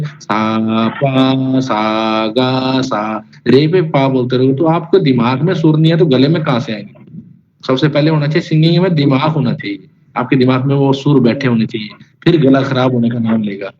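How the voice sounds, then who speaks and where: A music teacher leads an online singing class, talking straight to his students in a casual, rambling way and singing note names. His voice is mid-range and a little mellow at a moderate pace, captured in lo-fi class audio with faint noise.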